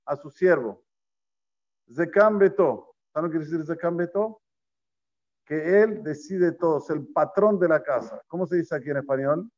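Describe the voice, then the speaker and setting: Rabbi guy w/ giving a torah class, kinda high voice, dull lo-fi sound. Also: normal speed, darkish tone. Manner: storytelling, poses questions to listeners, mixes in Hebrew terms. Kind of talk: Torah class to a live group. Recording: lo-fi recording.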